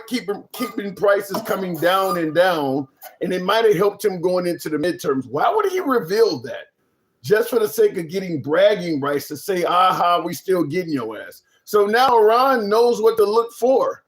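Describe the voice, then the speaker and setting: A man hosting a casual live political commentary stream, speaking bluntly and informally, with some swearing and repeated phrases for emphasis. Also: on the high side.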